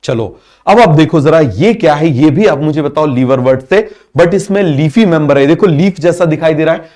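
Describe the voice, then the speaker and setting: A man's voice: a little high, moderate pace, darkish tone. A male teacher giving a biology class, asking constant questions, having students repeat answers, and mixing English terms into Hindi.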